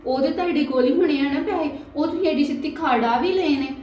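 Casting: a woman as a high-voiced, quarrelsome Punjabi sister-in-law, recorded far off in a very echoey room. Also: darkish tone, natural voice. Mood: complaining. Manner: quarrelsome, complaining, quick to take offence. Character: young married woman, sister-in-law demanding money, sharp-tongued. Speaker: actor in a family drama. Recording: very echoey room, mic at a distance.

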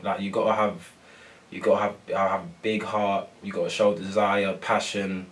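Giving a post-match interview in a press room in front of a sponsor board, a young adult male footballer speaks in a soft, unhurried, low monotone. He hesitates with lots of ums and repeats phrases, and he sounds set back, far from the microphone.

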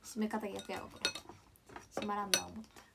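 Heavy background noise surrounds this livestream, where a woman in her twenties from Ishikawa, Japan, chats casually, giggles, and reads comments out loud. She speaks mostly standard Japanese with some Kansai touches. Her voice is medium-pitched and level at a normal speed, with vocal fry.

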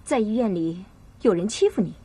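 An actress playing a cool, condescending schemer in a TV drama. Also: female voice, mid-range voice, animated, brisk, warm tone, husky. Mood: cold, probing. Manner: cold, condescending. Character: cool, scheming elder sister figure. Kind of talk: TV drama acting. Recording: TV drama with faint music.

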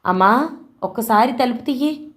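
A woman's voice: fairly high pitch, lively intonation, moderate pace, voice pushed up, lightly acted. A woman voicing a grieving, defiant young daughter in a storybook reading, indignant and insistent. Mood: pleading.

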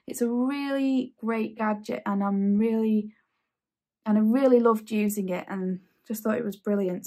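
A woman's voice: mid-range voice, dark tone, husky. A woman in her thirties hosting a casual sewing tutorial from her home sewing room, chatty and enthusiastic. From England. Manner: chatty, enthusiastic, repeats phrases. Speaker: sewing channel host.

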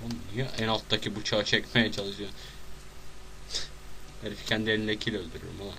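A young man doing casual gameplay commentary at his desk, loud and excitable, swearing and shouting at the screen. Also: lowish voice, a little fast, a little hiss or hum, rough recording. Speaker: gameplay video host. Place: at home at a desk.

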